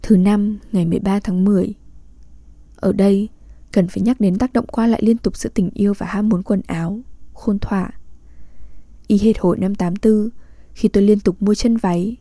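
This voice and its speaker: A woman reading a literary diary aloud in a calm, measured, intimate way. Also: mid-range voice, no room sound, studio quality. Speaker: reader.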